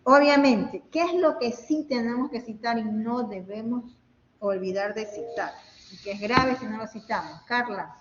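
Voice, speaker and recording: A woman's voice: on the high side, measured pace. Woman lecturing with a hall-like echo. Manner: explaining step by step, often checking with "¿ok?" and "¿no?". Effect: echoing, hall-like reverb. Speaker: university lecturer. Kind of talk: online class lecture. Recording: echoey, dull audio with faint hiss.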